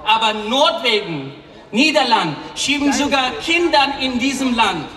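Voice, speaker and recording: A man in his thirties from Afghanistan, speaking with an Afghan accent, giving an earnest rally speech from a lectern with halting fillers. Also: very high voice, lively intonation, pushed and bright. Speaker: refugee rights speaker. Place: outdoor stage at a large rally. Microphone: lectern mic on a stand. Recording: distant PA sound echoing outdoors.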